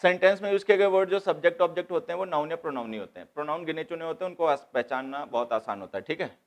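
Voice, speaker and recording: A man teaching English grammar to exam students, explaining step by step and repeating key points. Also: fairly high pitch. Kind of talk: classroom lecture.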